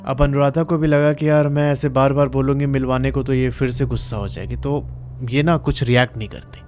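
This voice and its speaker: A man's voice: mid-range voice, fairly even intonation, fairly quick, darkish tone, faint music behind. A man narrating a true horror story in a casual, chatty way, talking to listeners like friends.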